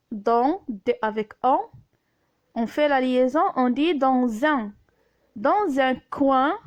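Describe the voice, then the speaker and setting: A woman's voice: high voice, a little mellow, dry recording. A woman, teaching a reading lesson and sounding out each word letter by letter. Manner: slow, spelling out sounds letter by letter. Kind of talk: slow reading lesson with phonics.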